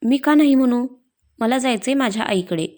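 A woman voicing a shy but quick-tempered young wife in a read-aloud story. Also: on the high side, expressive, close to an everyday voice. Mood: pouty. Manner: pouty, sharp.

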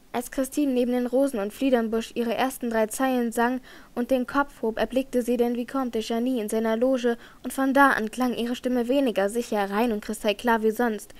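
A woman narrating a classic novel as an audiobook in measured scripted storytelling. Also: a little high, darkish tone.

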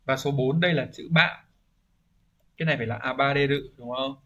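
Through dull audio, a man's mid-range voice comes across pushed and bright, moving a bit fast. As a Japanese teacher running exam-prep vocabulary practice, he walks through each answer and keeps posing rhetorical questions to check comprehension.

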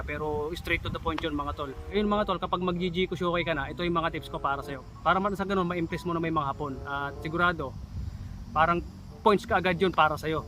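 Bright-voiced chatty Filipino vlogger man. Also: on the high side. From Philippines. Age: 30s. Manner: chatty, keeps calling viewers "tol", emphatic warnings. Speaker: vlogger giving job interview tips. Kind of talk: casual advice vlog.

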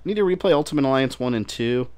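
A man's voice: mid-range voice, lively intonation, fast, a little mellow, a little hiss or hum. A man from Puerto Rico chatting casually and swearing while he streams a game. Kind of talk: live gameplay commentary. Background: game music and gunfire.

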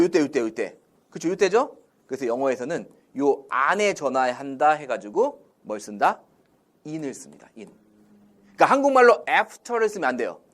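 A man teaching English in Korean, drilling phrases with call-and-response questions and acting out example lines. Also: on the high side. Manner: acts out Korean example sentences in a lively voice. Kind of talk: classroom-style language lesson.

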